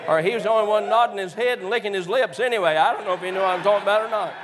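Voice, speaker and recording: A male preacher, telling folksy stories in a sermon and rising into shouted exhortations. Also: sits high, racing, heavy background noise. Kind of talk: sermon with storytelling.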